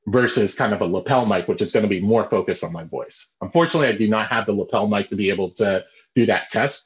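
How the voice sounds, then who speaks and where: Step by step, a husky-voiced man with a deep baritone walks through audio gear, repeating phrases while he thinks it over. This instructional talk comes from a small, bare room at home, recorded first through a desktop condenser mic and later an earbud headset, leaving the sound dull, lo-fi, and echoey.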